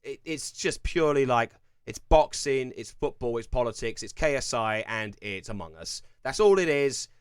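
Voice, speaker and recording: A man's voice: mid-range voice, expressive, normal speed, few pauses, clear, resonant tone, dry recording, clean studio sound. Chatty man with a Kent accent. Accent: English, Kent. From England. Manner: rambling, chatty, lots of fillers and restarts. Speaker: streamer answering chat. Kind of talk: casual live-stream chat.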